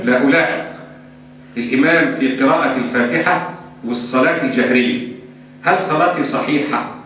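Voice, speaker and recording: A man's voice: a little high, a bit bright. A man with an Egyptian accent answering religious questions in a lesson, emphatic and mixing formal and colloquial speech. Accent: Egyptian Arabic. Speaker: Islamic scholar answering questions. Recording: echoey hall from far off, faint hum.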